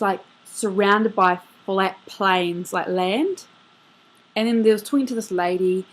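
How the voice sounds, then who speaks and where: A woman's voice: mid-range voice, rough recording. Rambling young woman telling a dream. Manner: rambling, filler-heavy, lots of "like". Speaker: vlogger. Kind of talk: casual video message recounting a dream.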